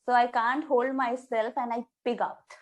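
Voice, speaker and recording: A woman's voice: on the high side, level tone, moderate pace. Friendly woman, light laughter. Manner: friendly, laughs easily, short acknowledgements. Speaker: English teacher and channel host. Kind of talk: conversation practice lesson.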